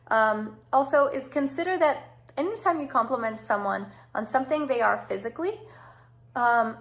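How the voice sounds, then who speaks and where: High-pitched woman giving direct, emphatic advice. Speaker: speaker giving social advice. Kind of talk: informal advice talk.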